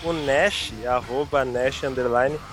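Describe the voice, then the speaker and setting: A man with a Brazilian accent hosting a casual podcast, reading out listener questions in a relaxed, self-mocking way. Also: mid-range voice, takes it slowly, music in the background. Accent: Brazilian Portuguese. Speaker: podcast host.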